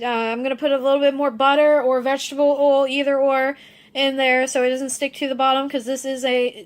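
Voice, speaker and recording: A woman talking casually through a cooking vlog, a bit drunk, rambling and easygoing as she reassures her viewers. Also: high-pitched. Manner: easygoing, self-deprecating, reassuring. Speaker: cooking vlogger.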